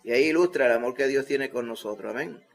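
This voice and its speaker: A male pastor with a Puerto Rican accent preaching a Sunday sermon, rising to loud emphasis when quoting scripture. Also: medium pitch, fast talker, gravelly. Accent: Puerto Rican Spanish.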